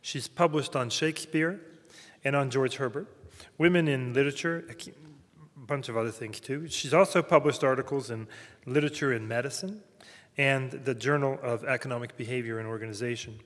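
Southern guy introducing a speaker at a university talk, mid pitch, lots of ums, echoey lecture hall. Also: fairly quick. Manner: hesitant, many fillers and restarts. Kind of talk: formal introduction at a campus lecture.

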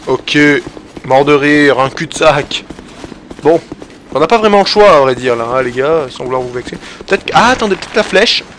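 Guy narrating his game run, fairly high voice, swears a lot, game audio loud in the background. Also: fairly quick. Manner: excitable, swears often, talks to viewers. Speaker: gaming channel host. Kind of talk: live gameplay commentary. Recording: loud game sound over the voice. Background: game audio and noise.

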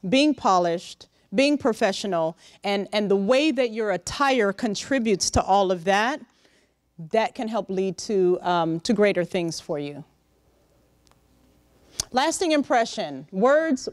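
A middle-aged woman giving a lively, direct motivational talk to young interns in a large conference room, speaking into a handheld microphone. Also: medium pitch, slow, no room sound, clean studio sound. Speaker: workshop speaker. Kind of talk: motivational professional-development talk.

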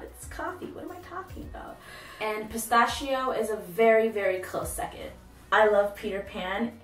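Bubbly 20s woman from south korea, english not her first language, kinda high voice, echoey room, sounds a bit far from the mic. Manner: bubbly and chatty, laughs at herself. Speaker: vlogger. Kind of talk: casual facts-about-me vlog. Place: indoors, plain grey wall, small room.

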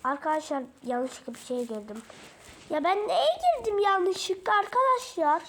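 The recording is very noisy as a woman with an extremely high, expressive voice talks at a moderate pace through her phone's mic. Screen-recording a mobile game, she rambles to herself in exasperation while showing its settings.

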